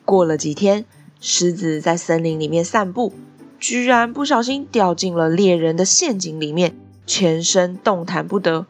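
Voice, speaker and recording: A woman narrating a bedtime story for children in a gentle, soft, expressive way. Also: lowish voice, a little slow, faint music behind. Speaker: podcast storyteller.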